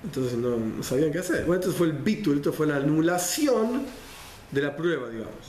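A man's voice: fairly high pitch, very animated, fairly quick, darkish tone. A man with a Rioplatense Spanish accent giving a Torah class, explaining step by step, repeating phrases and mixing in Hebrew and Yiddish terms. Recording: roomy echo, faint background noise.

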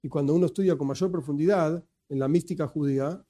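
Speaking quickly in a mellow, higher-pitched voice, a man with an Argentine Spanish accent gives a conversational lecture as a teacher. He explains patiently and slips in joking asides.

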